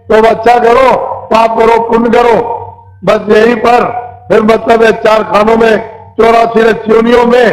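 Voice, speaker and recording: Through poor audio, a man with a very high voice preaches a devotional sermon as a spiritual teacher. He instructs in short, simple, repeated phrases and quizzes listeners with easy questions.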